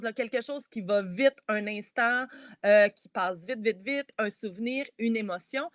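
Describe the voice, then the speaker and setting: A woman's voice: medium pitch, dry recording, clean studio sound. Encouraging Québécoise woman teaching kids. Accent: Québécois French. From Quebec. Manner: lively, encouraging, explains step by step while talking straight to kids. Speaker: children's author leading a workshop. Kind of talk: teaching schoolchildren over a video call. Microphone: video call.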